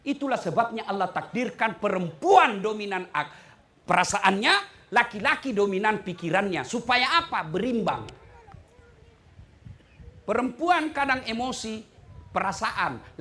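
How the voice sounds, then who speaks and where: A middle-aged man with a Makassar accent preaching a humorous sermon, full of jokes and rhetorical questions. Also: high-pitched. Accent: Makassar Indonesian. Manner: joking, animated, rhetorical questions.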